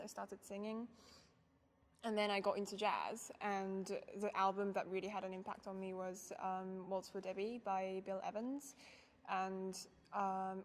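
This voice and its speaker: A young woman from Japan, a violinist, giving thoughtful interview answers with light laughs. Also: medium pitch.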